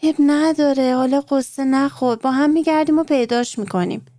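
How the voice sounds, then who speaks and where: A woman voicing a kind, gently teasing mother in a storybook. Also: high voice, dry recording, clean studio sound, voice pushed up, lightly acted. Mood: soothing. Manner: soft and kind.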